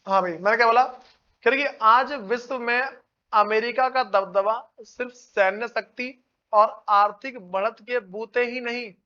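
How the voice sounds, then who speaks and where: High-pitched bright male teacher. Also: fairly even intonation, measured pace, lo-fi sound. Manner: casual, keeps asking students if they follow; calls listeners "brother". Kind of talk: informal classroom lecture.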